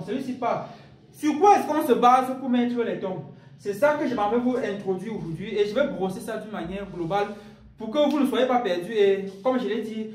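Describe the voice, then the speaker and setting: A man's voice: extremely high pitch, echoey room, distant mic, low-quality recording. A man giving a spoken language lesson, explaining step by step, repeating points and speaking straight to his viewers. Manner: explains step by step with repetition, addresses viewers directly. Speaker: language teacher.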